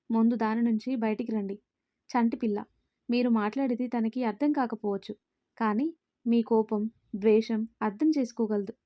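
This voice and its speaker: A woman's voice: a little high, mellow, no room sound, close to an everyday voice. A woman reading an earnest, outspoken young woman. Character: young woman, a firm and caring caretaker of a little girl.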